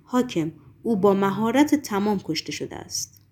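A woman's voice: medium pitch, animated, mellow, lightly acted. A woman reading the lines of a shrewd secret-police chief in an audiobook, deferential and reassuring. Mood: composed. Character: calm, shrewd secret-police chief, middle-aged man.

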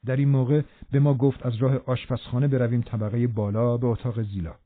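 A man reading a novel aloud as a narrator, in a steady, measured way. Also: mid-range voice, dry recording. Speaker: audiobook narrator. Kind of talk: scripted narration. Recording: narrow phone-like band.

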